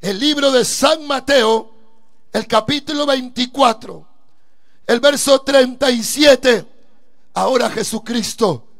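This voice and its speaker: A man preaching a fervent live sermon at a church service, breaking into emphatic shouted bursts. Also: extremely high pitch.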